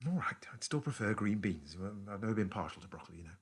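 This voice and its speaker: In a naturalistic two-hander stage drama, an actor plays a London man telling his partner a story in a rambling, distracted manner. His London English voice sits on the low side, with big pitch swings, a fast pace, and a husky texture.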